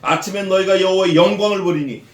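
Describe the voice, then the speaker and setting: A male pastor with a slightly high voice, preaching in a lively way with slang and questions to the flock. The sound carries the roomy echo of a church sanctuary. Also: fast talker. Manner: lively, asks the congregation questions, mixes in casual slang. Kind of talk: expository sermon.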